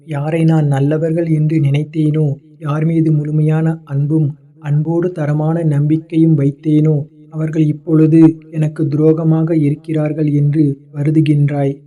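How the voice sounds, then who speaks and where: A man voicing a fatherly male god who calmly consoles a devotee in a devotional address, repeating tender words of endearment. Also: a little high, moderate pace, natural voice. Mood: consoling. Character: fatherly male god comforting his child.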